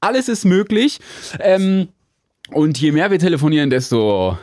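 A man's voice: a little high, sing-song, moderate pace, darkish tone, no room sound. A young man hosting a casual radio call-in show in a studio, joking around and repeating the phone number.

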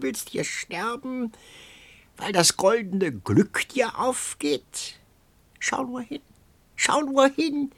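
A man voicing a cackling ancient beggar woman with a hoarse, lisping, whispery voice in an audiobook. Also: high-pitched, no room sound, voice pushed up, heavily acted. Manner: drawn-out coaxing, cackles. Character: cackling ancient female beggar, wheedling, uncanny. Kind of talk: audiobook character voice.

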